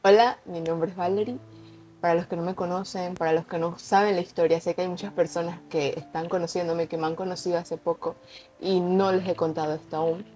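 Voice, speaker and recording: A woman's voice: lowish voice, steady tone, brisk, mellow. A young woman telling her personal testimony in an unscripted, conversational way, earnest and repeating words for emphasis. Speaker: vlogger sharing a personal testimony.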